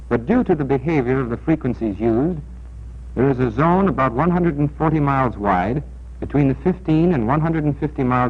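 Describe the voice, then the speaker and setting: This is an American male narrator of a 1940s military training film, with a mid-range voice and a scripted, deliberate, instructional, emphatic delivery. The old film soundtrack sounds dull and band-limited.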